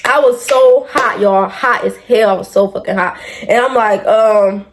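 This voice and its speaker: Talking straight to her viewers, a mother vlogger tells a personal story in casual storytime style, animated, swearing freely and calling them y'all. Her voice is mid-range and a little slow, with background noise behind it.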